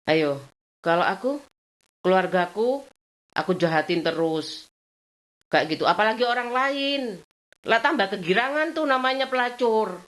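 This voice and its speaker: A middle-aged woman, chatting at home in a rambling, venting way, her voice jumping up in complaint and sinking to low murmurs. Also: animated, unhurried, pauses often, fairly bright tone. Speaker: vlogger. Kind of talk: casual chat.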